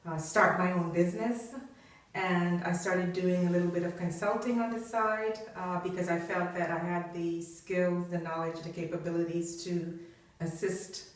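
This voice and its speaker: A woman's voice: fairly low pitch, flat delivery, moderate pace. A middle-aged woman from Trinidad and Tobago, a business professor speaking as an interview guest, talking thoughtfully with frequent fillers. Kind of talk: conversational interview. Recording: echoey room, distant mic.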